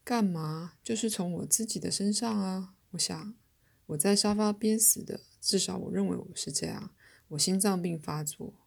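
A woman's voice: medium pitch, moderate pace, vocal fry. A woman voicing a bewildered, wry man who has just died, talking in a matter-of-fact way in a storybook reading.

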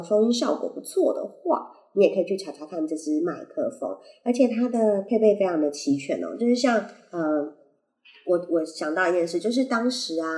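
A woman's voice: on the low side, a little mellow. A woman with a Taiwanese Mandarin accent and slightly unclear articulation from wearing braces, hosting a casual solo podcast in a rambling, playful, self-correcting way. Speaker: podcast host. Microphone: compact condenser microphone plugged into a phone. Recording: roomy, echoey sound on a compact microphone.

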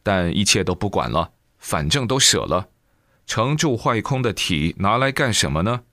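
A man reading a Buddhist book aloud in lively storytelling style, with exclamations. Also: lowish voice, moderate pace, dry recording, studio quality. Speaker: reader.

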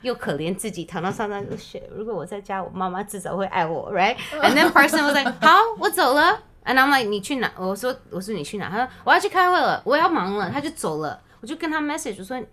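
A woman's voice: medium pitch, expressive, fast talker, few pauses, sharp tone. A woman telling a story in casual chat, switching often between Mandarin and English.

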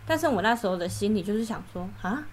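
Animated young woman telling work stories. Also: mid-range voice, fast, a little hiss or hum. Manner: animated storytelling, acts out coworkers' lines. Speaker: guest. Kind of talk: casual podcast chat.

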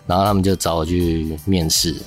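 A man's voice: low-pitched, level tone, fairly quick, music in the background. A man with a Taiwanese Mandarin accent, chatting casually as a guest on a podcast. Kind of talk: casual chat.

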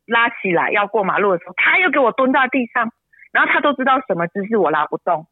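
A mother, interviewed as a guest, pours out an emotional personal story, tearful and fast, her husky voice swinging widely in pitch and breaking and jumping high when she gets upset. The sound is close and dry with no room sound, as if squeezed through a narrow phone line.

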